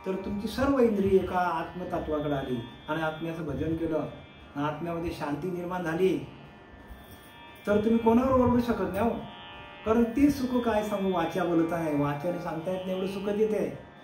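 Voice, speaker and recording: A high-pitched man gives a devotional discourse as a spiritual teacher. He asks his listeners questions, answers them himself, and draws out chanted verses slowly. The room is echoey, with faint instrumental music behind him. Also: darkish tone.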